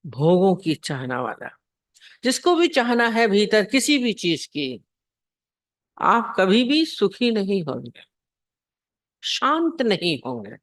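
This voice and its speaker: A woman spiritual teacher giving a scripture sermon. She tells parables and keeps asking her listeners questions, at a middle pitch. The sound is close and dry, with little room. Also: sing-song, slow, long pauses, no echo. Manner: storytelling, asks the listeners questions.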